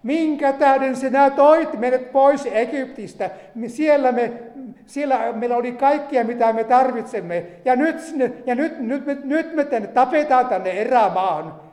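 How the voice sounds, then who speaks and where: A man's voice: very high voice, hardly any pauses, a little mellow, pitched above the performer's own voice. A man voicing a grumbling crowd of Israelites who angrily blame their leader, in an echoey hall. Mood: complaining. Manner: accusing, complaining.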